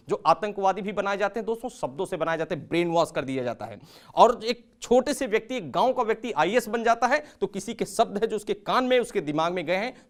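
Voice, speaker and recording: In this motivational talk, a male communication trainer tells a story with theatrical flair, his loudness and pitch jumping abruptly. Addressing viewers as friends, he blends English terms into his Hindi.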